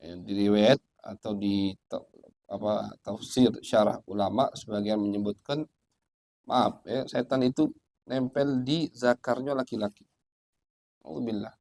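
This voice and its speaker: A man's voice: lowish voice, steady tone, unhurried, darkish tone, dry recording. Man teaching hadith. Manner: explanatory, mixing Arabic quotes with colloquial asides. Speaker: religious teacher. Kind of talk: explaining hadith in a study circle.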